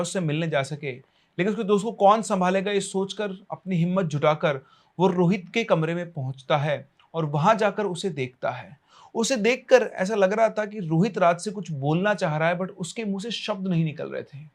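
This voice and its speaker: A man narrating a horror story in a dramatic way, pushing suddenly ahead and then slowing down. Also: high voice.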